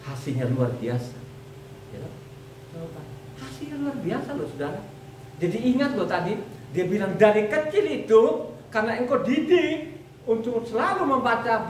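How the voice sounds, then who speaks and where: A woman's voice: medium pitch, lively intonation, normal speed, a little mellow, a little hiss or hum. Woman preaching in an echoey room. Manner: repetitive, addresses the congregation as "saudara". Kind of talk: sermon. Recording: echoey room, mic far off.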